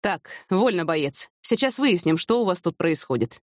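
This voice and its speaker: A woman's voice: fairly low pitch, expressive, moderate pace, no echo, clean studio sound, close to an everyday voice. A woman reading as a sarcastic police colonel. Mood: mocking. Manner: sarcastic, teasing. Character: mocking gruff middle-aged police colonel.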